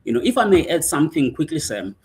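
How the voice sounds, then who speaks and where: A man's voice: on the high side, very animated, fast talker, a little mellow, breathy edge. A man from South Africa, an executive coach and the guest, talking in a casual interview with many fillers and hesitations.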